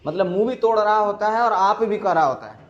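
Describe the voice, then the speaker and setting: A man with a Bihari accent lectures a class in a loose, joking way, drifting into anecdotes and checking that his students follow along. His voice sits high for a man. The recording sounds muffled and lo-fi. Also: fairly quick. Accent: Bihari Hindi. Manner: joking, storytelling, asks students if they follow. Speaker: teacher. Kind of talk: chatty classroom digression.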